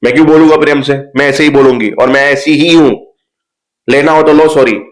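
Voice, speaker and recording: A man's voice: medium pitch, flat delivery, brisk, close to an everyday voice, poor audio. A man voicing a headstrong young woman who talks bluntly and defiantly. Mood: stubborn.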